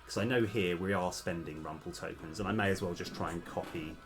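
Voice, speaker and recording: A man's voice: low-pitched, a little fast, faint music behind. A man streaming game development live, thinking aloud over his code with many hesitations, his voice slightly worn. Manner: hesitant, many ums, talks through code.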